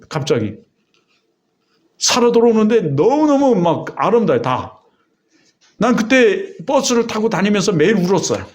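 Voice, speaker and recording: Emotional, animated Korean pastor preaching. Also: male voice. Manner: emotional storytelling with vivid retold dialogue; exhorting and rising in pitch on key points. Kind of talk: sermon.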